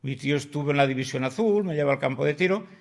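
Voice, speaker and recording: Older man, gravelly voice, animated storyteller, podcast guest. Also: on the high side, quick pace. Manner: vivid anecdotal storyteller, acts out dialogue, swears casually.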